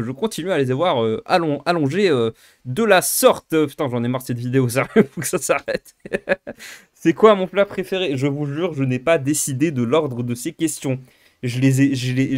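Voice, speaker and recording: A man's voice: on the high side, darkish tone. Young male YouTuber, casual Q&A chat, loose and self-deprecating, lots of "euh" and restarts. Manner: rambling, self-mocking, many fillers and restarts. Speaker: YouTuber answering viewer questions. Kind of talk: casual Q&A monologue.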